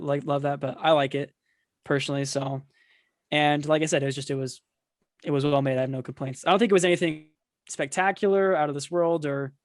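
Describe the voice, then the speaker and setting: A man's voice: a little high, no room sound, studio quality. A young man co-hosting a casual movie podcast, giving his opinions hesitantly with many restarts. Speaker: podcast co-host. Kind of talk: casual chat.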